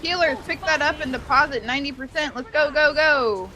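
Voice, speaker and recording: A woman calling out essence deposits for the healers during an online game raid, in brisk, rallying commands. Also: sits high. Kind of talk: live gameplay call-outs.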